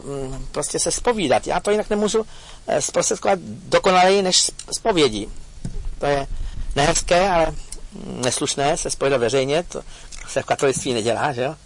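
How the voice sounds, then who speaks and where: A man giving an earnest, confessional talk to an audience, telling a personal story with hesitant pauses. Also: a little high, rough recording. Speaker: speaker addressing an audience.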